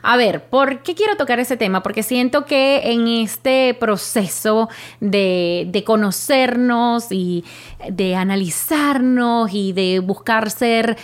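A woman's voice: a little high, slow. A young woman, casually telling her own life story with many fillers and restarts. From Venezuela. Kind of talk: personal storytelling monologue.

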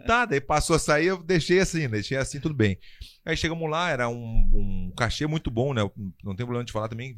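Fast-talking animated man telling a story. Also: mid-range voice. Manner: animated, acts out quotes, laughs often. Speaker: podcast guest telling a fight-world story. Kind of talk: casual storytelling chat.

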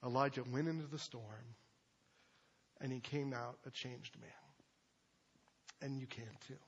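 A man's voice: medium pitch, fairly even intonation, unhurried, highs cut off, a little hiss or hum. A man preaching a sermon as pastor, talking in a conversational way with loose asides and fillers. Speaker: pastor teaching a sermon series.

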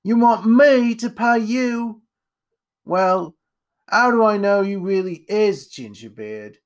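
A man voicing a cheeky young male street newsboy with a quick, saucy manner. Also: high-pitched, expressive.

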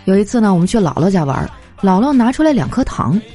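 A young woman telling comic anecdotes in a chatty, animated way, slipping into voices for the people in her stories. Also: medium pitch, quick pace. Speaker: comedy storyteller. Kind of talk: scripted comic monologue. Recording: light background music. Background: faint music.

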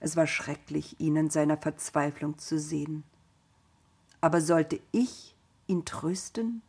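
A woman telling a story in the first person, calm and measured. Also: sits low, breathy edge.

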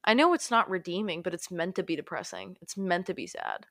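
A woman's voice: on the low side, big pitch swings, fairly quick, gravelly, fairly bright tone, dry recording, clean studio sound. A young woman talking casually as a podcast co-host, chatty and rambling with many fillers. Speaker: podcast co-host reviewing a film. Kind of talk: casual chat.

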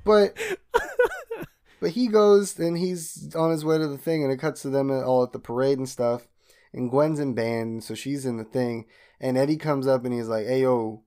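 A young man in casual podcast chat, animatedly retelling a cartoon's plot and jumping into high voices for quoted lines. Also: fairly even intonation, moderate pace, dark tone. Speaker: podcast co-host.

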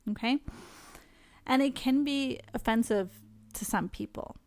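A woman's voice: sits high, measured pace, darkish tone, no room sound. A young woman talking casually to camera about her own experience, candid and chatty, often laughing between thoughts. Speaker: vlogger sharing her experience with anxiety. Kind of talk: casual direct-to-camera talk.

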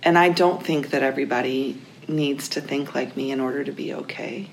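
A woman giving an earnest, deliberate personal testimony as an interviewee. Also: rumbling low, poor audio. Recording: interview clip with faint background noise.

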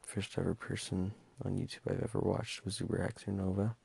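A man's voice: sits low, flat delivery, brisk, gravelly, warm tone, breathy edge, dry recording. A young man talking in a casual personal monologue, hesitant and stumbling over his words with many fillers. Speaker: podcast host.

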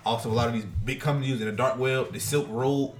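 Quick, slangy young man in echoey room. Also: medium pitch, steady tone, noisy background. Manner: slangy, repeats and restarts phrases. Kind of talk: casual chat among friends. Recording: echoey room with other voices.

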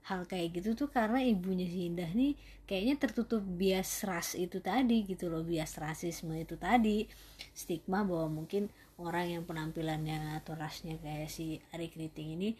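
A woman co-hosting a casual conversational chat, talking in a chatty way and getting animated when she retells stories. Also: fairly low pitch, moderate pace, husky.

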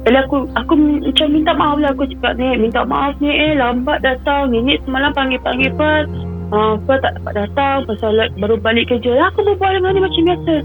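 Fast-talking woman caller. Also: high-pitched, faint music behind, poor audio. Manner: mixes in English phrases, repeats herself while recounting. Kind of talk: personal storytelling on a call-in show.

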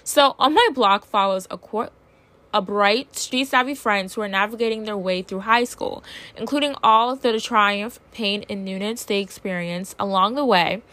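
A young woman talks casually to her listeners as a host giving her opinions. Her speech stumbles a little, as her jaw is sore from freshly tightened braces. Her pitch sits in a middle range for a woman. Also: moderate pace, fairly bright tone, no echo. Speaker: host of a show recapping and reviewing TV series.

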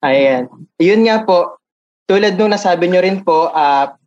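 A woman co-host talks in a casual, reflective way, agreeing and building on what the guest said. Her voice is on the lower side for a woman. The sound is dull and lo-fi. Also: animated, a little slow, darkish tone. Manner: reflective, agreeing, mixes Tagalog and English. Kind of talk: casual talk-show chat.

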